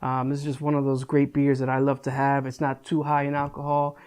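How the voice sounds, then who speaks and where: A man's voice: mid-range voice, monotone, a little fast, a little mellow, clear, resonant tone. Chatty young man reviewing beer. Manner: chatty, loose, swears casually, lots of restarts. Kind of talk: casual video review.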